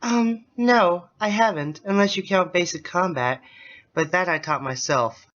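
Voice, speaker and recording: A man slowly reading the lines of a wary young female student, halting over words. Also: sits high, fairly bright tone. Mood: plain. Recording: dull lo-fi recording.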